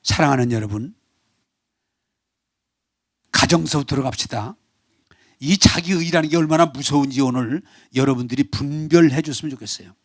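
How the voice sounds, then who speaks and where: A male pastor preaching a Sunday sermon in Korean, animated, acting out quarrelling family members. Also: medium pitch, moderate pace, pauses often, dry recording, clean studio sound. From South Korea. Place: church sanctuary.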